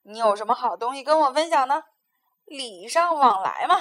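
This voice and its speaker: Brief: woman playing a crafty little crow boy, high lively voice, pushy and loud. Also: moderate pace. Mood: wheedling. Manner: wheedling, whiny, crafty. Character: greedy scheming little male crow.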